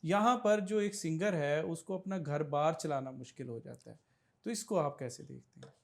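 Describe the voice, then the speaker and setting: A male podcast host from Pakistan, asking formal, measured questions in a polished register. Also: on the high side, vocal fry. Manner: formal, measured questions with Urdu literary words. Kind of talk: interview questions.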